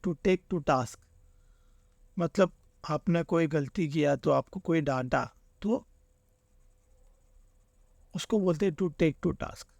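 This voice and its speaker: Gravelly-voiced male teacher explaining. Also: fairly high pitch, darkish tone, no echo, clean studio sound. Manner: explains with everyday examples, keeps saying "theek hai". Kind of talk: exam-prep lesson.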